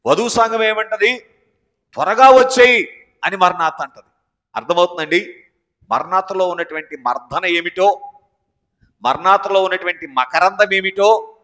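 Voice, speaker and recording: A man's voice: sits high, unhurried, pauses often, bright, forceful tone. A man with a Telugu accent preaching a sermon with emphasis, often calling out to the congregation for responses. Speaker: pastor. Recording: muffled sermon audio with long hall reverb.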